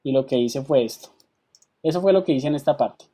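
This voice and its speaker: Patient male software teacher. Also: mid-range voice, a little fast, slightly rough. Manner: patient step-by-step explaining, checks in with students. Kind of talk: online software class.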